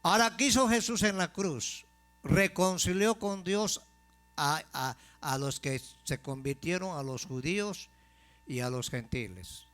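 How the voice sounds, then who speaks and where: A man preaching a sermon as pastor, asking the congregation questions and slowing down to stress key phrases. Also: a little high, fairly bright tone. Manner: call-and-response questions to the congregation.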